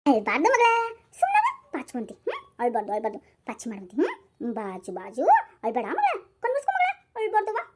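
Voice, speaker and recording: A woman voicing an anxious, loving older mother who pleads in a high, quavering voice. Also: wildly swooping pitch, fast, very noisy, exaggerated voice. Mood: soothing. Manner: high-pitched, pleading and fretful.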